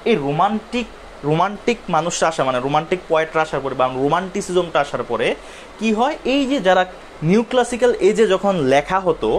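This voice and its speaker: A man's voice: sits high, a little hiss or hum. Man lecturing a live literature class. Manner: explains step by step, asks and answers his own questions. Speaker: literature teacher.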